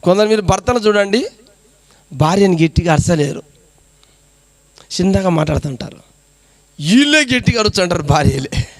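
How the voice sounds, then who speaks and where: A man's voice: high-pitched, lively intonation, moderate pace, long pauses, dry recording. Man, pastor, sermon, rhetorical questions, repetitive cadence, dry recording. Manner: exhorting, rhetorical questions to the congregation.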